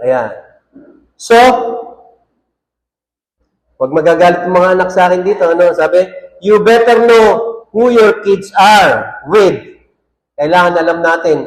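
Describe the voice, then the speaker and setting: A man's voice: fairly high pitch, poor audio. A male pastor preaching a sermon who keeps checking in with the congregation and reads verses aloud in English. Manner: keeps asking the congregation "ano po?"; mixes English quotes and phrases into his preaching.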